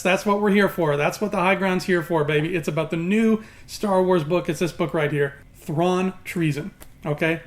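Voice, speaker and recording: A man hosting an opinionated video review in an emphatic, sarcastic, exasperated way, his words slightly mumbled as if he had marbles in his mouth. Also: sits high. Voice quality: slightly slurred, marbles-in-mouth articulation from a swollen mouth. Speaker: YouTube host reviewing books.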